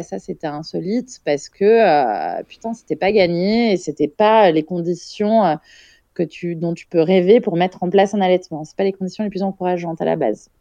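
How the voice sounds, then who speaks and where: A woman's voice: fairly low pitch, warm tone, no echo, lo-fi sound. A woman in her thirties, a podcast guest telling a story in a frank, casual way, swearing now and then and using plenty of fillers.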